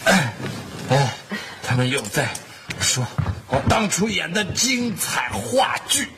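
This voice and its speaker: A jovial, boastful sitcom dad. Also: male voice, fairly high pitch, very animated, slow, creaky, exaggerated voice. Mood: nostalgic, jovial. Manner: chuckling, rambling reminiscence. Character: nostalgic middle-aged husband, jovial and boastful. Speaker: sitcom father. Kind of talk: sitcom acting. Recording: loud background noise on TV audio.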